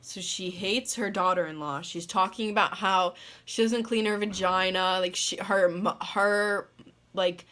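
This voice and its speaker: A woman's voice: mid-range voice, fairly even intonation, measured pace, bright, forceful tone. Rambling young woman telling a story. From northeastern United States. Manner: rambling, lots of "like", laughs mid-sentence. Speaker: vlogger. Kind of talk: casual storytelling.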